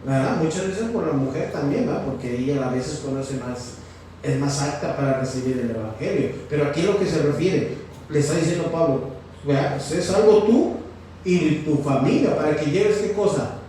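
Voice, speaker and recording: Echoey distant preacher man, high voice. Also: expressive, normal speed, warm tone, slight background noise. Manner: questioning the congregation, repeating "fíjese". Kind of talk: sermon. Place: church hall. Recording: very echoey, from far off.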